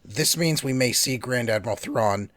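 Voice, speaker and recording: A man co-hosts a podcast, chatting casually and enthusiastically with many fillers and restarts. His voice is medium-pitched and a bit bright, at a moderate pace, with no echo.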